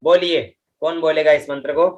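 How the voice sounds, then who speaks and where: A middle-aged man teaching Vedic chanting, drawing out each syllable and patiently repeating checks to his class. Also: steady tone. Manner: slow, drawn-out chanting of mantra syllables with pitch-accent explanations; patient, repeats "ठीक है" and "है ना" often. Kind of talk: online class lesson.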